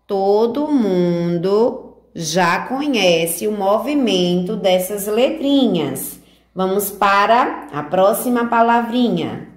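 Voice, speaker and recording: A woman teaching a remote handwriting lesson to preschool children, guiding each letter stroke in a slow, sing-song teacher voice full of diminutives. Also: mid-range voice, expressive. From Brazil.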